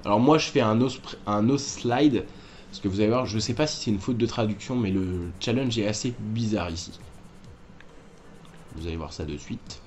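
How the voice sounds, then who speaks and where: A man's voice: on the low side, normal speed, a little mellow, soft background music. A man hosting a game walkthrough, talking casually and correcting himself as he explains moves to viewers. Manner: chatty, self-correcting, addresses viewers directly. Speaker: gaming walkthrough host.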